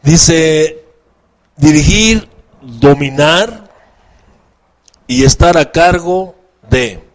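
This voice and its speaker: A man's voice: on the high side, drawn-out words. A man preaching a sermon as pastor, asking the congregation questions and acting out quoted voices.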